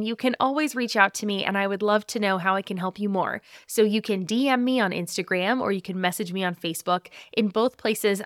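A woman in her thirties hosting a podcast, talking in a chatty, upbeat way with direct appeals to listeners and a relaxed chat with her child. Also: mid-range voice, no echo, studio quality. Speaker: podcast host.

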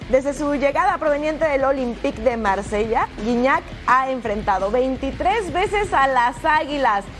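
A woman with a high voice presents sports highlights and news as a show host. Faint music plays underneath her.

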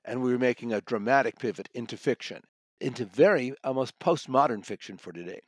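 An audiobook reviewer and magazine contributor speaks conversationally, thoughtfully and emphatically, often correcting himself as he goes. His mid-range voice is expressive, brisk and slightly rough, in a dry recording.

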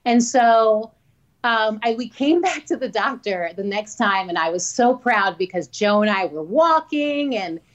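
A woman's voice: fairly high pitch, expressive, a little slow, lo-fi sound. A woman guest telling stories in a frank, chatty way and laughing often. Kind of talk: casual interview storytelling.

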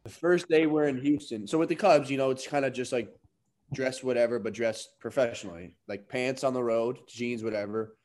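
A man's voice: medium pitch, fairly even intonation, brisk, darkish tone. A man chatting casually as a ballplayer, telling anecdotes in a slangy way. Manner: slangy, acts out quoted dialogue. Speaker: professional baseball player.

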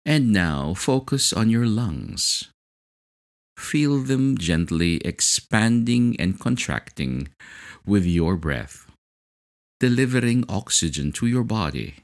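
A man with a very low voice guides a hypnosis relaxation session. He speaks slowly and soothingly, and his pitch rises and falls in a lively way. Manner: slow, soothing, hypnotic delivery.

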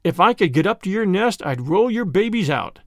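A man's voice: sits high, very animated, moderate pace, no room sound, studio quality. A man reading aloud and voicing a small, brave male mongoose who talks with urgent determination. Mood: impatient.

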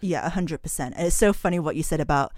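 A woman's voice: deep voice, quick pace, no echo. Chatty woman with a dry, close sound. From grew up abroad, moved at sixteen. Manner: chatty, animated storytelling. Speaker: guest, magazine editor. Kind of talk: casual podcast chat.

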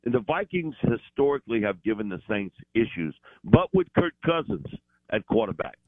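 A man calling in as a football analyst, talking in an animated, rambling way with fillers over a phone line. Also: fairly low pitch, normal speed, dry recording.

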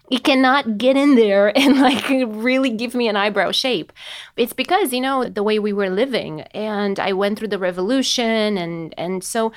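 Candid woman guest. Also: mid-range voice. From Romania. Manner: candid, emphatic, swears freely. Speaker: podcast guest, entrepreneur. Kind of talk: casual storytelling interview.

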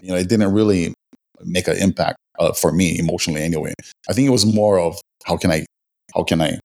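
A man's voice: low voice, fast, vocal fry, a little mellow. A man being interviewed in casual talk, often restarting and repeating words as he goes. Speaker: podcast guest.

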